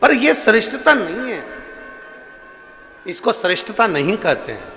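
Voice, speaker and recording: A man's voice: high voice, big pitch swings, a little slow, bright, forceful tone, big-room sound, slight background noise. A man giving a devotional sermon, telling stories, acting out their voices and repeating lines for emphasis. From India. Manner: storytelling preacher, acts out voices in anecdotes, repeats lines for emphasis. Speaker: kathavachak preacher.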